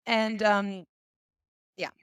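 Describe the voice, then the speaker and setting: On a video call, a woman guest chats casually as she demonstrates a casting database website, acting out a sample search while explaining it. Her mid-range voice is smooth and fairly bright, with a level tone and an extremely slow pace. The recording is clean studio sound with no echo.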